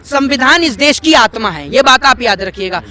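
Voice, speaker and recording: A man's voice: very high-pitched, animated, normal speed, sharp tone. A young man speaking heatedly in a street interview, firing rhetorical questions and repeating them for emphasis. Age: young adult.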